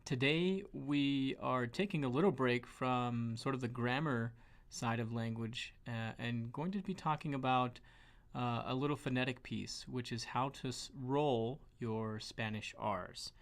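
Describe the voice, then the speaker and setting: Speaking a little slowly in a medium-pitched voice, a man with a Western American accent from the western US teaches Spanish pronunciation, frequently restarting and using fillers.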